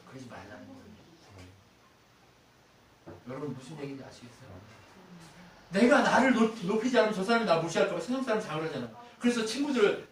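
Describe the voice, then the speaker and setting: A male pastor preaching a sermon, animated, asking the congregation rhetorical questions again and again. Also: high voice, fast, long pauses, reverberant, distant mic. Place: church sanctuary.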